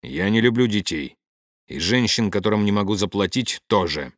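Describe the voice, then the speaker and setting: A man reading the part of a hard, cynical mercenary, curt and gruff, in an audiobook. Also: fairly low pitch, lively intonation, moderate pace, no room sound, studio quality.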